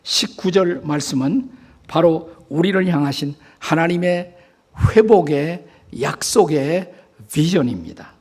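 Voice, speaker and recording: A man's voice: fairly high pitch, lively intonation, unhurried, a little mellow. An older man, a retired senior pastor, preaching a sermon emphatically and leading the congregation to repeat after him. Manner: emphatic preaching, leads congregation in call-and-response. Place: church sanctuary.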